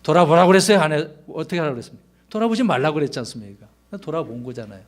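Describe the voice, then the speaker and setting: A man's voice: on the high side, very animated, racing. A man, a pastor, preaching a sermon in a conversational way, asking his congregation rhetorical questions and acting out the lines he quotes.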